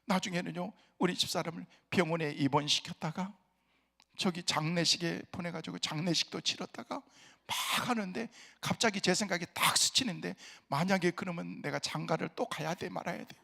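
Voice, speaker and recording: A man's voice: high-pitched, moderate pace, gravelly, pushed and bright, big-room sound. A middle-aged male pastor telling a personal story in a sermon, acting out both sides of an argument with his wife. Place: prayer retreat center chapel.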